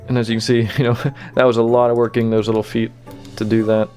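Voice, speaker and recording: A man giving casual behind-the-scenes commentary on his own animation, relaxed and full of fillers like "you know" and "kinda". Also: medium pitch, fast, faint music behind.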